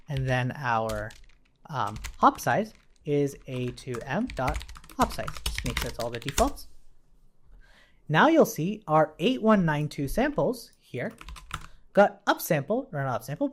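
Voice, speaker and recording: Keyboard typing and clicks sound faintly behind a man teaching programming, his voice on the high side and very animated though measured in pace. He walks through code informally, explaining and thinking aloud, with faint background noise in the recording.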